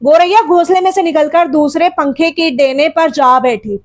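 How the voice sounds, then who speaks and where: A woman's voice: sits high, moderate pace. A woman teacher explaining a textbook story to students. She repeats word meanings and asks rhetorical questions as she goes.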